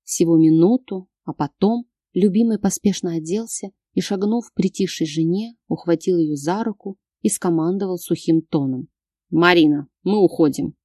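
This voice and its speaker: A woman narrating a first-person novel in a steady storytelling voice. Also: lowish voice, moderate pace, few pauses, no echo, studio quality. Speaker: audiobook narrator.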